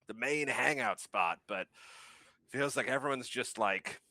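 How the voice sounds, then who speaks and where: A man's voice: mid-range voice, unhurried, sharp tone, dry recording, voice pushed up. A man voicing a nervous retired street racer turned mechanic in a tabletop game, hesitant and trailing off. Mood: weary.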